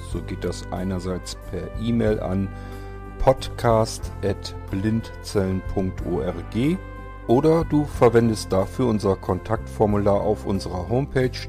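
Low-voiced man reading a podcast outro. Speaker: podcast announcer. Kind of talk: scripted outro. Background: music.

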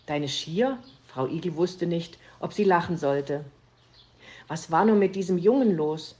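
A woman narrating a children's story with an expressive reading manner. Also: on the low side, measured pace.

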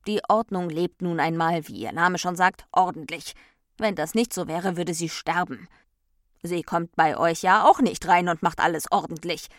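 A woman's voice: on the low side, moderate pace, no room sound, clean studio sound, close to an everyday voice. Woman doing firm, lecturing Mister Distance. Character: stern male personification of Distance.

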